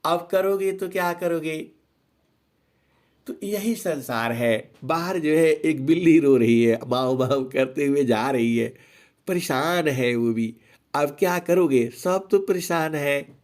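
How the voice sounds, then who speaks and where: A man preaching a devotional sermon in a slightly high voice, slow and unhurried. He tells homely stories and often slips in the filler "जो है". Every so often he breaks into long chanted verses. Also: darkish tone. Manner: storytelling, slow drawn-out chanting of couplets; frequent filler "जो है". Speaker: satsang preacher.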